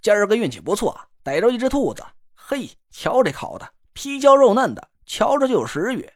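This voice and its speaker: A man's voice: high voice, big pitch swings, brisk, dry recording, clean studio sound. A man voicing a cocky, joking young man who teases his friend while cooking. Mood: teasing. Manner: teasing, boastful, chatty slang. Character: cocky joking young male camp cook. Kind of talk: audiobook character voice.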